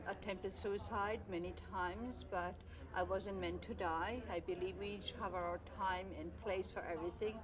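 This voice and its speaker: An older woman from Croatia, a mental health advocate, speaking earnestly to camera in a studio with many pauses and fillers. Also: mid-range voice, poor audio. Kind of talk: speaking to camera in a filmed interview. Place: studio with blue backdrop.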